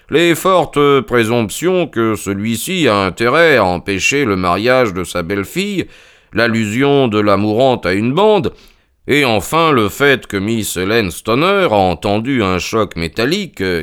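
A man playing a calm, ironic detective in a dramatized reading, unruffled and dry. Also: lowish voice, smooth.

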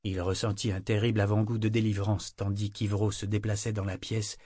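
A man's voice: fairly low pitch, flat delivery, a little fast, warm tone, no echo, clean studio sound. Man narrating a fantasy audiobook. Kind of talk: scripted narration.

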